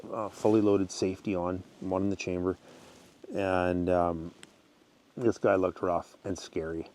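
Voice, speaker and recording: A man with a low, mellow voice tells an outdoors story in a loose, rambling way. He leans on fillers, doubles back on his words and keeps clearing his throat. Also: little pitch movement, unhurried. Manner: rambling, full of fillers and restarts. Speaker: wilderness storyteller. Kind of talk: casual spoken storytelling.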